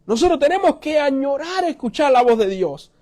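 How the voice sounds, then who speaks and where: Male pastor, high-pitched voice; animated sermon storyteller who drops to soft, earnest tones. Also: moderate pace.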